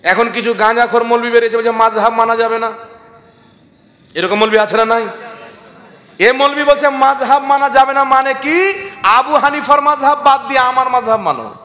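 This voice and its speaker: West bengal accent guy preaching, real high bright voice, rhetorical questions, big echoey hall. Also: moderate pace, pauses often. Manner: exhorting, calls on the crowd to respond. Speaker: Islamic preacher. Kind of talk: sermon.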